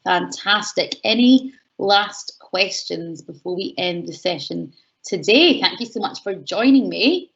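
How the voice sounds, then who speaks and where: Excitable Scottish woman on a call. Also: mid-range voice, gravelly, lo-fi sound. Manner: fast, excitable, with fillers. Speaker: guest speaker. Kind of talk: online webinar Q&A talk.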